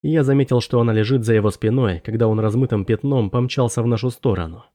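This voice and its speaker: A man narrating a first-person fantasy audiobook in a measured, steady storytelling manner. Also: medium pitch.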